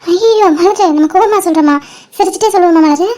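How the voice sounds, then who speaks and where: A plucky young heroine from a homemade cartoon who stands up for her family and teases her rivals, voiced by a woman. Her voice is high and quick, and she talks with a lively, cheeky confidence. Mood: teasing. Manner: earnest and teasing by turns, fast-talking. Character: bold cheeky young woman, loyal and protective. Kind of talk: animated cartoon voice acting.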